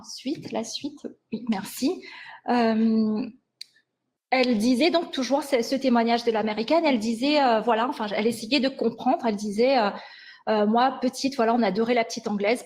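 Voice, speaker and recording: Conférencière à la voix assez aiguë. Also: female voice, fairly high pitch, a little mellow. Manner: hesitant, often restarting and self-correcting. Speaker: lecturer in language sciences. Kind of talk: conference lecture with slides.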